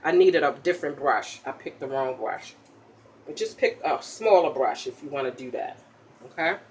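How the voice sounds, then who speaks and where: A chatty woman walks through a casual makeup tutorial, popping gum as she talks. She keeps checking in with a quick "okay?" after each step, over a faint hum behind her. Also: low voice, animated. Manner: pops chewing gum while talking.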